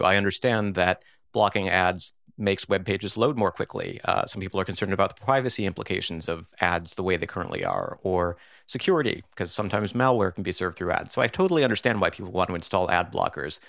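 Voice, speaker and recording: Deep-voiced male podcast host. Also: gravelly, a bit bright, dry recording, clean studio sound. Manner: measured, explains points at length. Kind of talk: interview and scripted podcast outro.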